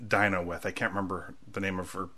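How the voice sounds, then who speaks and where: A man's voice: low voice, level tone, fast talker. Man in a rambling casual chat. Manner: rambling, acts out quotes loudly.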